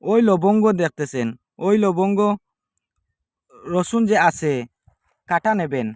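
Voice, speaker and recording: A man giving step-by-step ritual instructions in a halting, repetitive way, recorded indoors without a microphone. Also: high voice, expressive, a little mellow, dry recording, clean studio sound. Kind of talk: step-by-step spoken demonstration. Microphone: no microphone, device's built-in mic.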